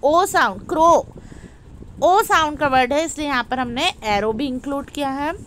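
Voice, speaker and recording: A woman with an Indian accent teaching an English lesson, explaining slowly and asking her students questions, then answering them herself. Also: high-pitched, a little hiss or hum, poor audio. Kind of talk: classroom lesson in Hindi-English mix.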